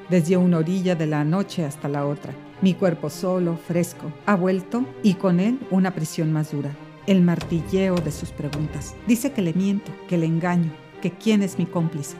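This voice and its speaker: A woman's voice: fairly low pitch, normal speed, mellow. A woman giving a dramatic literary reading of a diary in the first person, in an anguished, intimate voice. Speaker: reader and narrator. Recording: studio voice-over with faint background music.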